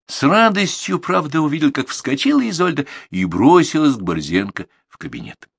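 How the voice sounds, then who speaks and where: A man narrating a novel as an audiobook, reading in an expressive storytelling manner. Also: a little high, moderate pace, gravelly, slightly rough, no echo. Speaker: audiobook reader. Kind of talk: scripted narration.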